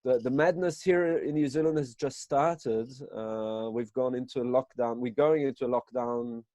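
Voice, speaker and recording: Man on a video call, dark mellow voice. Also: medium pitch, normal speed, no room sound. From Israel. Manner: rambling, with many fillers and restarts. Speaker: counselor and psychotherapist. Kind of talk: casual self-introduction on a video call. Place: home, early morning.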